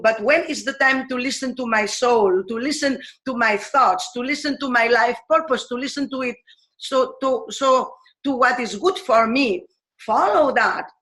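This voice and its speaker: A woman teacher from Spain, explaining her ideas in English earnestly, pausing often and searching for words. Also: fairly high pitch, a bit bright. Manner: earnest and searching, with frequent pauses and fillers. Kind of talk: explanatory talk in a video series.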